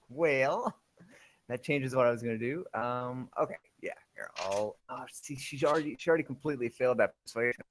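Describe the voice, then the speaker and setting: A young man playing a tabletop game, laughing, swearing and thinking out loud with many ums. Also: medium pitch, normal speed, slight background noise. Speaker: player. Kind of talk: casual tabletop game chat.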